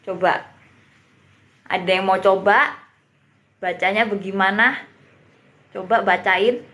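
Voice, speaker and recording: Woman, language teacher, patient, repeats words, very slow, roomy echo. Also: medium pitch, steady tone, fairly bright tone. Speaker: Mandarin teacher. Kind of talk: live-streamed beginner language lesson.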